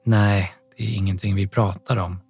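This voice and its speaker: Tired resigned mom in an audiobook, guy narrator doing her, slow, low husky voice. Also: flat delivery, darkish tone, no echo, soft background music. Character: tired, resigned middle-aged mother.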